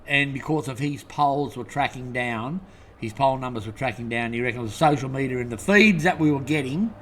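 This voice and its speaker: Australian man, high-pitched voice, angry rambling rant, constant swearing. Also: a bit bright, a little hiss or hum. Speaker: host. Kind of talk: profane rant to camera.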